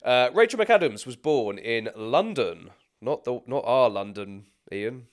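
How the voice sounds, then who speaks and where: A man co-hosting a casual film podcast, switching between loose banter and a read-out career summary. His voice is lively and swings widely in pitch. He often stumbles and restarts his sentences. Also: a little slow. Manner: chatty, stumbling restarts, frequent laughter. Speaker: podcast co-host.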